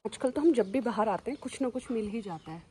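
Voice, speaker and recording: A woman chatting casually in a daily vlog about her dogs, sometimes cooing at them in high baby talk. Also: expressive, a little fast, warm tone, a little hiss or hum, low-quality recording. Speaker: vlogger and dog owner. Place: home and outdoors on walks.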